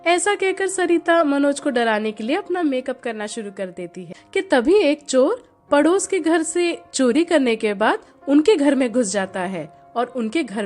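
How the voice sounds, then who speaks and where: A woman narrating a storybook tale with a high, very animated pitch. Her delivery is expressive and bright with inflection. Faint music plays under her voice.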